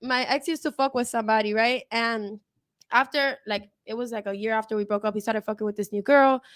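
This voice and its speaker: A woman's voice: on the high side, dry recording, clean studio sound. A woman in her twenties, a guest on a casual podcast, talking frankly and with lots of swearing. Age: 20s. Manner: frank, fast and animated, swears freely.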